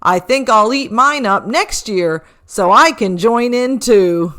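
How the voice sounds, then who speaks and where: Woman playing jolly old male Santa, storybook character, hearty exclamations, bright tone, raised pitch. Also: animated, slow pace.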